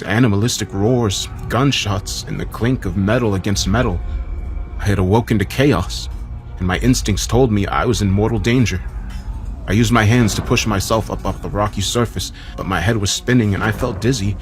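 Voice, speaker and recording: Low-voiced man narrating a horror story. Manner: measured, dramatic first-person storytelling.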